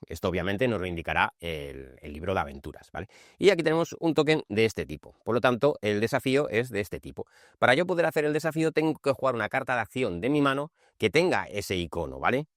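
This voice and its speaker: A board game channel host with a lowish voice and a Spanish accent from Spain explains rules quickly and conversationally, his pitch swinging widely. He checks understanding with frequent short tags. The studio sound is clean with no echo.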